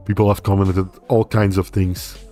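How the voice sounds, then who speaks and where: Low-voiced and speaking at normal speed, a young native Dutch speaker hosts a laid-back livestream. He rambles easily as he reads out viewers' comments and responds to them, with faint music in the background.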